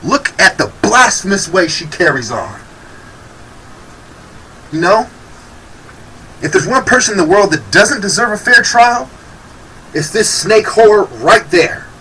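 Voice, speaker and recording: A man's voice: high-pitched, big pitch swings, unhurried, long pauses, sharp tone, recorded from a distance, a little hiss or hum, low-quality recording. A man giving heated, sarcastic commentary on a video clip.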